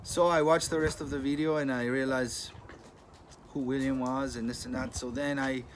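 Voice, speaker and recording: Greek-accented man in his thirties, channel host, plain-spoken and unhurried, mid-pitched voice, noisy take with clicks. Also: little pitch movement. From Greece. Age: 30s. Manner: plain-spoken, unhurried, non-native phrasing. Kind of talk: casual talk to camera.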